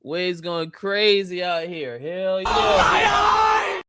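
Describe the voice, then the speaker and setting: A thirty-year-old American man co-hosts a livestream, his high voice shouting very animatedly yet at a very slow pace over heavy background noise. The chat is casual and joking, boisterous and full of slang, and he repeats phrases for emphasis.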